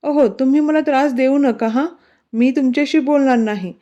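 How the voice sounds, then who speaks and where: A woman's voice: high-pitched, moderate pace, mellow, natural voice. Woman voicing a shy, flustered young wife. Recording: dull, lo-fi recording.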